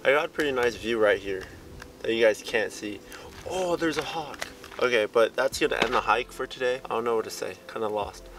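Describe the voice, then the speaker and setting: A man's voice: mid-range voice, fairly quick, distant mic, noisy background. A young man chatting casually on a hiking trail for his vlog, laid-back and rambling, with some casual swearing. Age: young adult. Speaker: vlogger. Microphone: camera held at arm's length.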